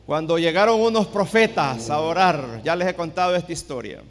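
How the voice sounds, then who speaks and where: A middle-aged man, preaching a sermon as a pastor, telling a story that swings from hushed quotes to shouted lines. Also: fairly high pitch, normal speed, long reverb tail. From El Salvador.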